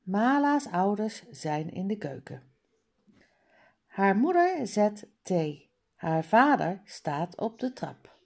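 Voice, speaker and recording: Lady reading a kids' book out loud, slow and clear, lots of up and down in her voice. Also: medium pitch, sing-song. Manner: clear, deliberate storybook reading. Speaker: reader. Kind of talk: reading a children's book aloud.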